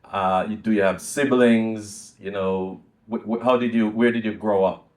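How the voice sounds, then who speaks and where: A man's voice: on the low side, steady tone. Older man hosting in a roomy venue. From Jamaica. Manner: welcoming, measured, with many ums and uhs. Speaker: host. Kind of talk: live on-stage conversation. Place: music lounge venue with a small audience.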